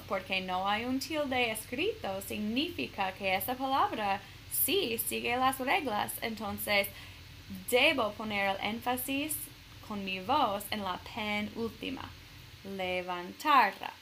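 A woman's voice: a little high, lively intonation, takes it slowly, creaky, a bit bright, slight background noise, low-quality recording. A woman teacher reading a storybook aloud to her students and stopping to explain grammar carefully, with fillers along the way. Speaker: Spanish teacher.

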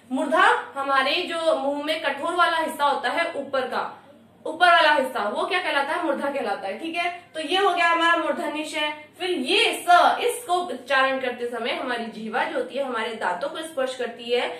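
A woman's voice: high voice, pushed and bright. A woman teaching a Hindi grammar lesson for exam preparation, repeating each rule and asking and answering her own questions. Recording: echoey room, far from the mic.

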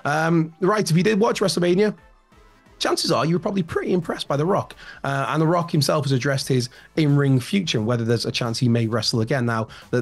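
Recorded indoors in a shelved home room, the solo host of a wrestling news show wears headphones and speaks into a large front-facing studio mic. He's a man in his thirties with a medium, slightly raspy and hoarse voice, and his chatty delivery wanders through fillers and side comments.

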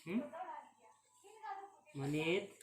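A man's voice: a little high, drawn-out words. A young father teasing his baby son in playful baby talk, with sing-song babble and repeated calls. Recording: echoey room with loud background noise.

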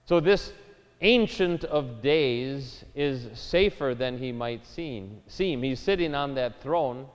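Slow-preaching pastor, man in a church. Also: mid-range voice, lively intonation. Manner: slow, measured preaching with emphatic rises. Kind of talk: sermon. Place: church sanctuary. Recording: dull lo-fi church recording with long reverb.

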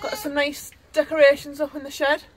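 A middle-aged woman vlogs a walking tour of her allotment garden on a handheld phone, chatting casually and pointing things out as she goes. Her voice is high and monotone with a fairly quick pace, and loud wind and outdoor noise fill the recording.

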